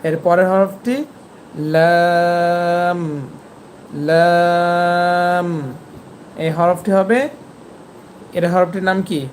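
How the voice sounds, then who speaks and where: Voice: medium pitch, a little hiss or hum. Patient teacher drawing out letter sounds. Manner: patient, repeats each letter slowly and drawn out. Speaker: Quran teacher. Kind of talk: online lesson on letter pronunciation.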